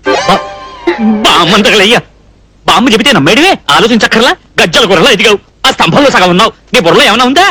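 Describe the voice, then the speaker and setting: An actor playing a shy, fussy young male cook in a dubbed film comedy, scolding in a high, soft, fluttery voice. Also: lively intonation, breathy edge, soft background music, full character voice. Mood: flustered. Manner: flustered, scolding, fast-talking.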